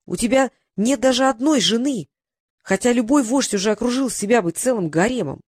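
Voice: medium pitch, expressive, a little fast, no echo, clean studio sound, natural voice. A reader voicing a cheeky young male apprentice mage who lectures and mocks his enemy, in a raised voice, in a storybook reading. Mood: scolding. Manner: mocking, lecturing, sarcastic.

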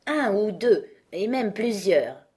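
A woman's voice: medium pitch, very animated, takes it slowly, warm tone, pitched above the performer's own voice. Woman reading an earnest, grave knight. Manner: grave, proud, rambling explanations. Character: earnest, solemn male knight, clumsy inventor. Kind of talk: audiobook character reading.

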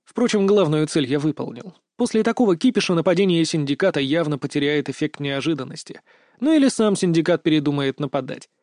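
A man's voice: fairly high pitch, animated, fairly quick, a little mellow, dry recording, studio quality. A man narrating first-person fiction as an audiobook reader, in a wry, smug manner.

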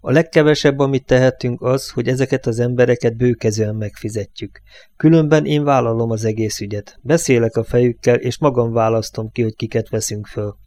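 A man's voice: medium pitch, steady tone, a little mellow, dry recording, lightly acted. A man voicing a blunt, scornful oil company boss who is Irish in the story, read as an audiobook character voice. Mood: restrained. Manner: blunt, sneering, rough-spoken.

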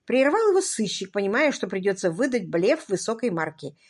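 A woman narrating a comic novel as an audiobook in a lively, playful manner, voicing the characters. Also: mid-range voice, a little fast, breathy edge. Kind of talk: scripted narration with voiced characters.

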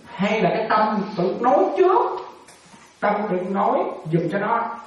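Teasing monk in an echoey hall. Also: male voice, high-pitched, sing-song, measured pace, far from the mic. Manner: playful, teasing, chuckling, quizzes listeners. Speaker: Buddhist monk teaching. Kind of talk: dharma talk with audience questions.

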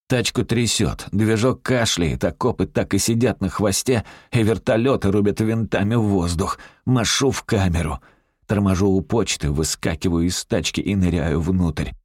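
A man's voice: low voice, darkish tone, dry recording, clean studio sound. A man narrating a story in the first person as a brash, crude-talking outlaw. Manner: brash, crude street talk, rapid storytelling. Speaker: audiobook narrator.

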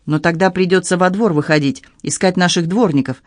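A man's voice: high-pitched, a little fast, no room sound, clean studio sound, natural voice. A man reading an audiobook, voicing a blunt, sarcastic young woman with a mocking, cutting manner. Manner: mocking, cutting, coldly matter-of-fact.

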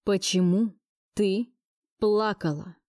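A woman voicing a brooding, possessive young man in an audiobook, speaking low and insistently. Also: normal speed, mellow, no echo, studio quality, lightly acted. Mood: stern. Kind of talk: audiobook dialogue.

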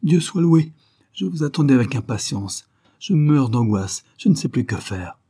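A man's voice: medium pitch, lively intonation, moderate pace, dark tone, breathy edge, voice pushed up. A man voicing a frightened young woman who pleads in a tremulous, breathless way in a detective audiobook. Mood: distraught.

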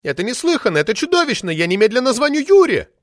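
A woman's voice: a little high, animated, brisk, fairly bright tone, no room sound, studio quality, voice pushed up. A man voicing a pompous, imperious woman poet who shrieks her indignation and keeps invoking powerful friends, in an audiobook reading. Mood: shrill outrage. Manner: shrieking, indignant, name-dropping.

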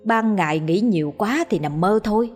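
Woman playing a firm, hushing village wife. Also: mid-range voice, moderate pace, faint music behind, lightly acted. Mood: reassuring. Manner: hushed, scolding and reassuring. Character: practical village wife, soothing but firm.

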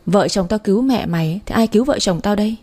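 A woman reading as a loud scornful aunt. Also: medium pitch, fast talker, natural voice. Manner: loud, cursing, contemptuous. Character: harsh, scornful middle-aged aunt.

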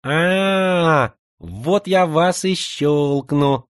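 A man's voice: fairly high pitch, drawn-out words, clear, resonant tone, dry recording, clean studio sound, pitched above the performer's own voice. A man voicing a lisping older schoolboy who talks in sugary diminutives and needles the others. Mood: gleeful. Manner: needling, mocking.

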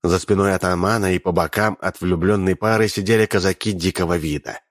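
A man narrating an audiobook, reading with lively energy and raising his voice for the characters' shouts. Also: sits low, fairly quick, no echo, clean studio sound.

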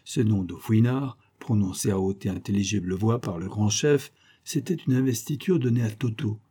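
A man narrates a detective story in a steady, measured way. His voice is dark and mellow with a husky edge. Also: lowish voice. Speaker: audiobook narrator. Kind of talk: scripted narration.

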